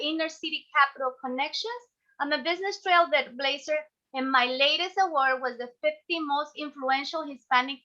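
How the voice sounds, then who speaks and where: Speaking through a video call with muffled, low-fidelity sound, a woman with a bright, high voice and an Ecuadorian Spanish accent presents a motivational online class as its host and business coach.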